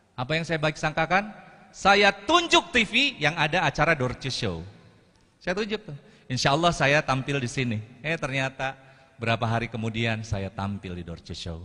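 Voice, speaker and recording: A man gives a lively motivational talk. He coaches the audience through breathing exercises and adds frequent Islamic interjections. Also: mid-range voice. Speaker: motivational speaker. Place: TV studio with a live audience. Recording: live TV studio broadcast with reverb.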